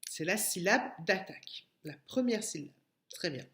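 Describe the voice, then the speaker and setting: A French woman teaching young children in a recorded lesson, speaking gently and stretching out syllables. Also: medium pitch, lively intonation. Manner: slow, gentle, drawn-out syllables for small children. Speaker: preschool teacher. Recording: echoey room.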